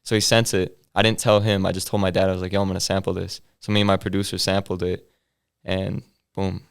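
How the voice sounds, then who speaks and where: In a casual interview, a young hip hop artist talks fast in a deep, bassy voice he feels comes out mumbled, creaky yet smooth with little pitch movement. His laid-back chatter is full of slang and fillers.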